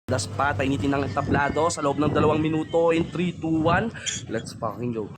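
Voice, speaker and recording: A man's voice: fairly high pitch, moderate pace, background noise. A man hosting an online rap battle, laid-back and casually profane. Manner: laid-back, profane, calls everyone pare. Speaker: battle host and MC. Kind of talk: casual hosting over voice chat.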